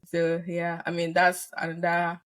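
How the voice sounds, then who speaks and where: Low-voiced woman co-hosting, laughing. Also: unhurried. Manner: relaxed, laughs often. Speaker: podcast co-host. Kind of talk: casual chat. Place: based in London.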